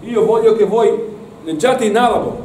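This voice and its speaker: A man's voice: high voice, normal speed, noisy background. A man teaching an Arabic class to students, encouraging and repeating words, recorded from across an echoey classroom. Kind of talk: classroom lesson. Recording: echoey room, mic far off.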